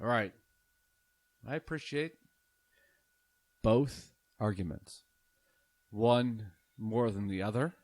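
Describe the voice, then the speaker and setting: A man's voice: lowish voice, slow, long pauses, a little mellow. A man acting as judge in an improvised mock-courtroom comedy, handing down mock-formal rulings.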